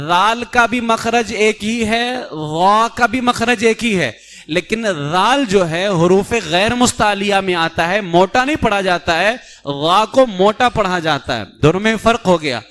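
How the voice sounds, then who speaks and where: A man with a high-pitched voice gives a Quran recitation lesson as a mufti in a mosque. He explains patiently. He slows down to sound out individual Arabic letters and words for his listeners. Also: animated, a bit bright. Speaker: mufti teaching a Quran class.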